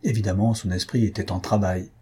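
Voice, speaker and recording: Husky, dark male audiobook narrator. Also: lowish voice, fairly even intonation, fairly quick. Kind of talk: scripted narration.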